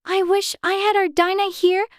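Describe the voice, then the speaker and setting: A woman's voice: extremely high pitch, little pitch movement, normal speed, dry recording, studio quality, voice pushed up. A woman voicing a polite, eager little girl in a dramatized audiobook reading. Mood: earnest. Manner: humble, eager, pleading.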